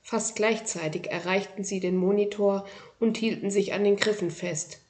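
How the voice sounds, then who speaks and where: Calm, measured woman presenting and reading a children's book. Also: medium pitch. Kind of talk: book review and reading aloud.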